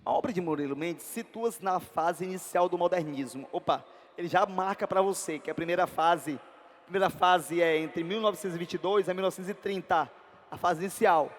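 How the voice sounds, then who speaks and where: A man's voice: high voice, fairly quick, long reverb tail. A Brazilian man teaching an exam-prep language lesson, constantly asking his students to confirm with short tag questions. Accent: Brazilian Portuguese. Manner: peppers talk with tag questions.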